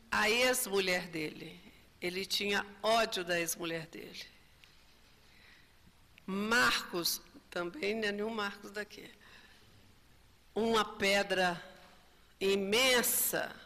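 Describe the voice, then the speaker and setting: A woman's voice: medium pitch, sharp tone. A woman giving a spiritist lecture, telling a story and often adding tag questions. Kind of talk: religious lecture. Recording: reverberant lecture hall.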